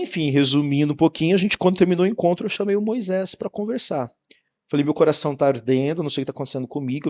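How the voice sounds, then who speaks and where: A fast-talking man from Paraná, Brazil, tells his conversion story in an interview, slipping into quoted voices as he acts out each exchange. His voice sits a little high, and the recording has a slightly dull, lo-fi sound. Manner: lively, acts out dialogue with quoted voices, laughs often.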